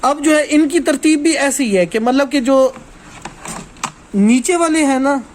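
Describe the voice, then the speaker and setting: This technical trainer speaks at a measured pace in a very high-pitched male voice, with a faint hiss or hum underneath. His lesson is casual and practical, moving step by step while he repeatedly makes sure everyone is following.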